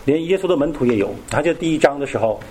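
A man's voice: fairly high pitch, lively intonation, very fast, darkish tone, slight background noise. A man teaching a Bible study in a casual, conversational way, often asking his listeners questions.

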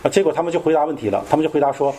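A man's voice: a little high, rapid-fire, dark tone, a little hiss or hum. A man teaching a Bible study in a casual, conversational way, often asking his listeners questions.

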